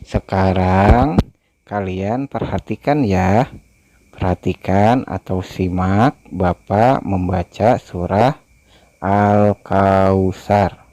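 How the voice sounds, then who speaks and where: A man's voice: low voice, mellow. A young man teaching children a Quran recitation lesson over distance learning, patiently repeating words and correcting pronunciation. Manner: recites verses slowly and drawn out, then explains pronunciation to children. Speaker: religion teacher.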